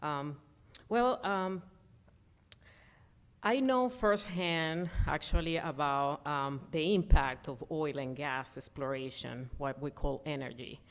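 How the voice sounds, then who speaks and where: A woman's voice: low-pitched, slow. A middle-aged woman from Venezuela, giving an earnest conference talk full of ums and uhs. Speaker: conference speaker.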